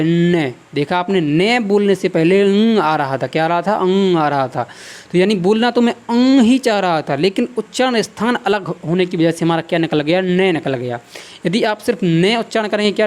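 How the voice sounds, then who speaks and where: A man teaching a grammar lesson, asking questions aloud and answering them himself, and drilling sounds by repeating syllables slowly. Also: sits high. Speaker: Hindi teacher. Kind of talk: classroom lecture.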